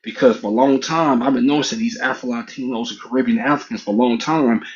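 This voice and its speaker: In a casual online room, a middle-aged man argues heatedly, pressing hard and circling back over the same points in an assertive, rambling, repetitive way. His pitch is ordinary for a man, his tone steady and his pace quick. The audio sounds dull and lo-fi.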